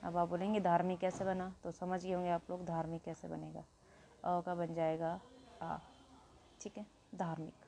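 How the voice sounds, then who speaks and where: A woman's voice: lowish voice, completely flat delivery, moderate pace, creaky, mellow, slight background noise. A woman teaching a Hindi grammar lesson, explaining step by step and asking questions she answers herself.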